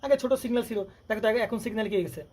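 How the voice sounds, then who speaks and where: This male electronics teacher speaks with a high, slightly mellow voice. His classroom lecture is rapid and packed with questions, as he keeps quizzing students rhetorically over faint background noise.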